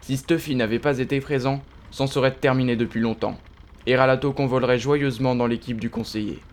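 A man giving steady, understated scripted narration of an audio drama. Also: mid-range voice, a little fast.

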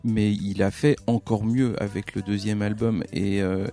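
A man's voice: fairly low pitch, little pitch movement, a little slow, mellow. A man co-hosting a podcast about old records, talking casually, well-informed and dryly contradicting his partner. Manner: knowledgeable, dry, contradicts playfully. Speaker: podcast co-host. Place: recorded together in person.

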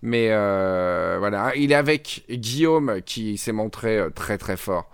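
A man's voice: lowish voice, expressive, slow pace, clear, resonant tone, dry recording, studio quality. A man from France hosting a casual podcast recap, chatty and opinionated, with laughing asides. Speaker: podcast host.

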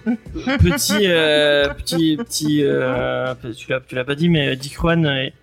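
A man's voice: a little high, slow, vocal fry, soft background music. A man hosting a podcast in a loose, chatty way, often trailing off. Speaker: podcast host. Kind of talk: casual podcast chat.

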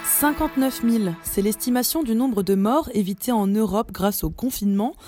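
A woman presenting a segment of short news briefs in a clear scripted delivery. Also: on the high side, moderate pace, warm tone, soft background music.

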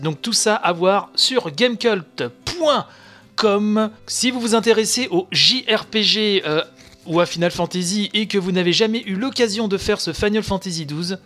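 With a high, slightly bright voice, this married adult hosts a relaxed video game news show, reviewing the press. He talks in an opinionated, chatty way, full of fillers and side comments.

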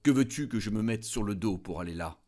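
A man's voice: fairly low pitch, lively intonation, brisk, dark tone. A man voicing a discontented young wife who pleads and sulks, in a read-aloud story. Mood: plaintive. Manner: pleading, tearful, then eager.

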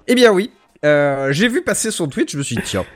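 A man hosting a casual podcast, telling stories in an animated, joking way. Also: fairly high pitch, moderate pace, faint music behind. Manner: lively, joking, animated storytelling. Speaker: podcast host.

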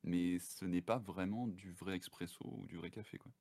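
A man with a fairly low voice chats casually as a guest on a live stream. He laughs often and keeps dropping English words into his sentences. The sound is dry and close, with no room around it. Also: fairly even intonation, moderate pace, creaky, mellow, no room sound.

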